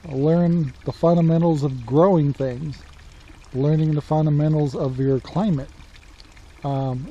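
A man's voice: on the high side, warm tone, slightly rough. A man in his sixties chatting casually outdoors in a rural yard for his homesteading vlog, plainspoken, with many filler words. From Central Oregon, USA. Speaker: homesteading vlogger. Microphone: handheld camera at arm's length. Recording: dull lo-fi sound with faint outdoor noise.

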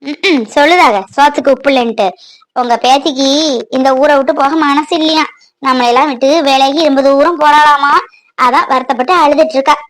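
Grumpy cartoon village lady, drawn-out sulky talk, high voice. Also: steady tone, a bit bright. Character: grumbling village woman, defensive. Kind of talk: cartoon voice acting.

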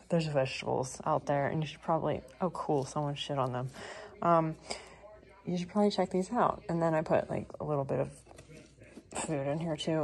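A woman's voice: low voice, a little mellow. A woman rehabbing opossums, chatting offhandedly as she cleans and feeds them and talking to the animals, indoors at home. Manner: chatty and offhand, talks to the animals, casual swearing. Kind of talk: casual vlog chat while caring for animals.

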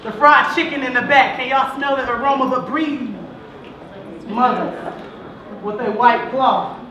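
A woman performing spoken word poetry on stage, rhythmic and rising to shouts. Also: sits high, a little slow, noisy background. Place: large hall. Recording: echoey hall from far off.

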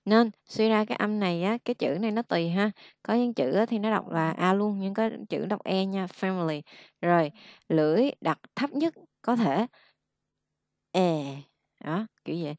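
A woman's voice: mid-range voice, fairly quick, darkish tone, dry recording, studio quality. A woman teaching pronunciation one-on-one, patiently modelling each sound and explaining lip and tongue position.

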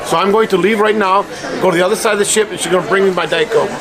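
A man's voice: high voice, rapid-fire, a crowd in the background. A man chatting casually and effusively to a vlog camera with enthusiasm. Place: cruise ship and outdoor excursion. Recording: loud music over voice.

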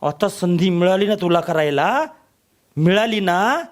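A man delivers a fiery motivational speech in a high-pitched voice. He swings between quiet, heavy passages and shouted, repeated rallying cries. He sounds middle-aged. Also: a little slow. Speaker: motivational speaker. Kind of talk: emotional motivational speech to an audience.

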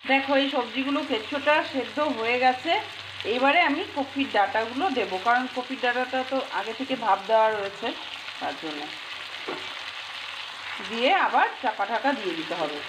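A woman's voice: a little high, a little fast, echoey room, very noisy. A woman chatting casually to viewers as she cooks at home in her kitchen. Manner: chatty, addresses viewers directly. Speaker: family vlogger. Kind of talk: casual cooking vlog.

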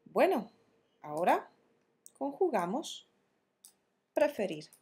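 A woman teaching verb conjugations in a slow, careful tutorial, spelling out each form deliberately. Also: a little high, very animated, gravelly, darkish tone, husky. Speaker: Spanish teacher.

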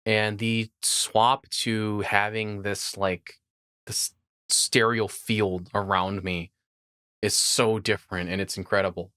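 A man's voice: fairly low pitch, flat delivery, slow pace, sharp tone, smooth, no room sound, clean studio sound. A man co-hosting a podcast, chatting casually and opinionated about audio gear. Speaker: podcast co-host.

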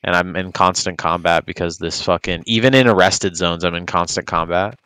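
A man's voice: sits low, steady tone, normal speed, bright, forceful tone, clean tone, dry recording. A man chatting casually over gameplay with a friend like a hyped gamer bro, slangy and sweary. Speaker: gaming streamer.

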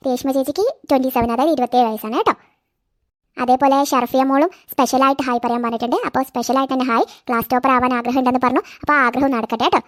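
A woman, the channel creator, giving friendly outro shout-outs. She sounds chatty and encouraging, with a high voice. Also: steady tone, very fast, no room sound, studio quality.

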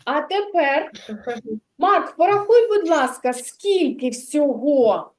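A woman kindergarten teacher giving a literacy lesson in a classroom, speaking slowly and articulating every sound while coaxing answers from the children. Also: high voice, lively intonation, a little mellow, low-quality recording. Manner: slow, carefully articulated, coaxing questions to children.

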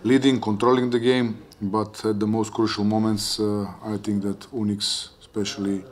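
A middle-aged man, a head coach, speaking at a post-game press conference in measured English with pauses. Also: lowish voice, level tone. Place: press conference room, seated at a table. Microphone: table mic.

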